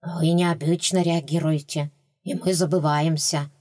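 A woman voicing a shy, courteous ghostly rat diplomat who speaks slowly and apologetically. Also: sits low, fairly even intonation, a little mellow, no room sound, studio quality. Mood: polite.

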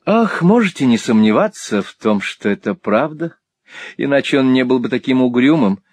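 Male reader doing gossipy spinster painter, raised lively voice, dry close sound. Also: medium pitch, normal speed, dry recording, voice pushed up, close to an everyday voice. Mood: chatty. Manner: gossipy, exclaiming. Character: chatty, shrewd middle-aged spinster painter.

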